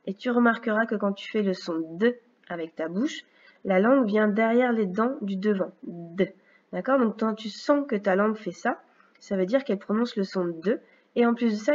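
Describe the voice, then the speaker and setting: A woman's voice: medium pitch, a little mellow, highs cut off. Patient woman teaching a child phonics. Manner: slow, clear, patient instruction to a young child. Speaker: first-grade teacher. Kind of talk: recorded remote phonics lesson.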